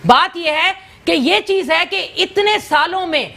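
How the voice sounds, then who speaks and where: High, bright-voiced combative woman debater. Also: creaky. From Sindh, Pakistan. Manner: combative, insistent, talks over the host. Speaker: political guest on a TV talk show. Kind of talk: heated political debate. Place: TV studio.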